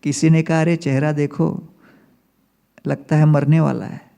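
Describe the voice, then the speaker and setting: A man's voice: on the high side, flat delivery, unhurried, gravelly, mellow, clear, resonant tone. A man giving a religious storytelling lecture as a spiritual teacher, telling humorous anecdotes and mixing in English phrases.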